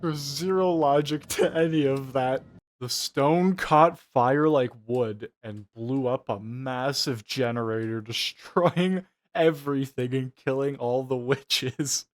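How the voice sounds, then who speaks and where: A man's voice: medium pitch, slow pace. A man giving a casual, mocking reaction commentary, profane and incredulous in his delivery. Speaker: reaction show host.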